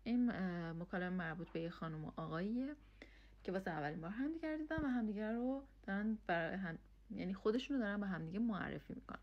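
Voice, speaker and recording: A woman's voice: medium pitch, animated, muffled recording. A woman, teaching German in a casual lesson and explaining each phrase step by step. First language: Persian. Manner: explains step by step, checks in with "okay?".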